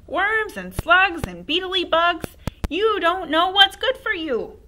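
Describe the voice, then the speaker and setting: A woman's voice: very high-pitched, very animated, slow pace, pushed and bright, a little hiss or hum, voice pushed up, heavily acted, low-quality recording. A woman reading aloud and voicing a sinister old grandmother who seems to be a witch, relishing and wheedling by turns. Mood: gleeful, gloating. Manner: relishing, wheedling, then throaty whispering.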